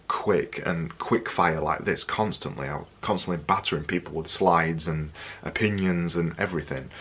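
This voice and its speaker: A young man with a low, slightly husky voice gives presentation tips straight to camera. He talks energetically and jokes around, hammering his points home by repeating them. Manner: energetic, jokey, repetitive emphasis. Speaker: vlogger giving presentation tips. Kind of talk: casual to-camera vlog.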